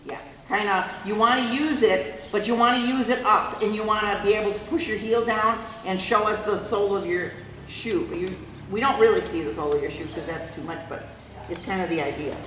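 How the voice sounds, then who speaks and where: Brisk and fairly bright, a mid-range female voice rings out from far away as a riding instructor coaches her rider live. She shouts short instructions, repeating many of them, inside a large indoor arena whose hall is very echoey with faint noise.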